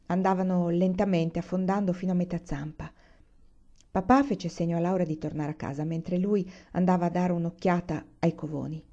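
A woman reads a children's novel aloud, expressive and deliberate. Her voice is mellow and soft-edged. The recording sounds dull and lo-fi. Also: lowish voice. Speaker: reader. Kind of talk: storybook read-aloud. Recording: muffled lo-fi recording.

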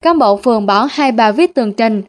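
High-voiced woman storyteller. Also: expressive, brisk. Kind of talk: comic story narration.

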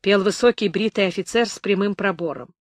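A woman reading a literary memoir aloud as an audiobook narrator, in an even, measured way on a close mic. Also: mid-range voice, no echo. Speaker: audiobook reader.

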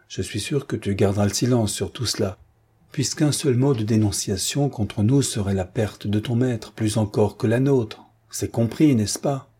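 A man's voice: fairly low pitch, husky. A man reading an audiobook, voicing a cruel, mocking male gang chief who tortures a captive and taunts him. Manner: taunting, then furious and shouting.

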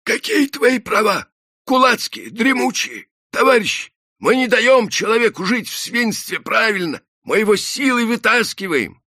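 Guy putting on a hoarse high shouting worker, bright strained voice, yelling at a crowd. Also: big pitch swings, a little slow, dry recording, clean studio sound, full character voice. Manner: shouting speeches. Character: agitated male worker orator, shouting hoarsely. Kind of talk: audiobook character voice.

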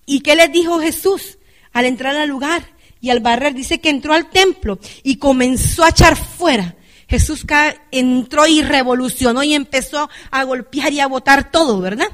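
A woman's voice: sits high, normal speed, fairly bright tone. A woman preaching a church sermon who keeps checking in with the congregation with "right?" and calls them brother and sister. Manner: addresses listeners as brother and sister. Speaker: lay preacher.

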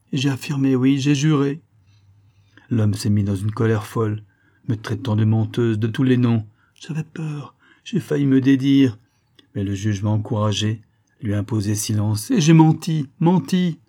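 A man's voice: mid-range voice, normal speed, warm tone, lightly acted. A man reading a novel aloud and voicing a dying woman who confesses to a false testimony, anguished and pleading, repeating words in despair. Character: dying guilt-stricken woman, a former false witness. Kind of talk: audiobook reading.

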